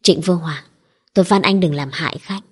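A woman reading as a trapped young wife in a spoken storybook, her husky voice sitting low. She is defiant and desperate toward her husband. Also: brisk. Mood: pleading. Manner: angry, pleading.

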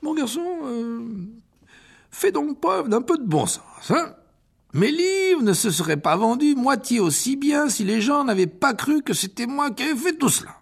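A performer playing a vain, evasive male wizard teacher in a storybook reading. The voice is gravelly and husky, swinging up and down in pitch as he hedges with fillers and nervous little laughs. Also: very animated, a little slow, full character voice. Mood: smug.

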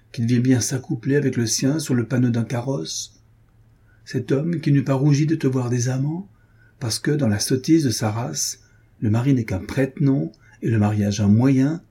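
A man's voice: mid-range voice, mellow, breathy edge. A man playing an ardent young poet-lover. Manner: passionate, impetuous. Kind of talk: audiobook character reading.

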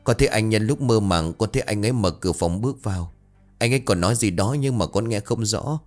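A man's voice: fairly low pitch, quick pace, darkish tone, faint music behind, natural voice. A man voicing an earnest frightened son. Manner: earnest, insisting.

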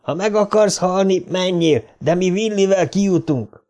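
Guy doing big panicky soldier shouting back, rough gravelly voice pushed high. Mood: angry shouting. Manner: bellowing back. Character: big frightened soldier with a deep bull voice.

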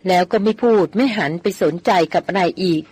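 A woman reads a novel aloud in an even, storytelling manner. Her pitch is middling for a woman, and the recording is dry and close with no room sound. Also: fairly quick, husky, dry recording. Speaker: audiobook narrator.

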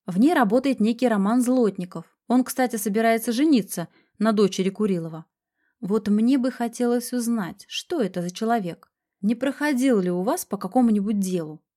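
Женщина читает детективную аудиокнигу. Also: female voice, fairly high pitch, normal speed, dark tone. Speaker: first-person narrator, private detective. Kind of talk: audiobook narration.

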